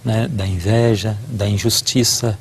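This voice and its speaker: A man's voice: fairly low pitch, steady tone, unhurried, slight background noise. A middle-aged man, a guest preacher, giving a devotional talk and telling a personal story earnestly, acting out the dialogue.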